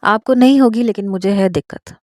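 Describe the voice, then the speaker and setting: A woman's voice: medium pitch, unhurried, dry recording, studio quality, natural voice. Woman reading a sullen young man, short cold answers. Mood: curt. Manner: flat, clipped replies. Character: guarded young man, curt and resentful.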